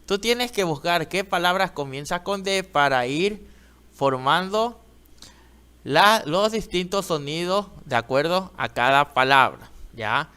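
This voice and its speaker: A man with an Ecuadorian Spanish accent teaching young children to read, speaking slowly and patiently and sounding out words. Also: on the high side, lively intonation, pushed and bright, distant mic. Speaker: primary school teacher. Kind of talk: online reading lesson for young children. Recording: echoey room, voice a little off-mic.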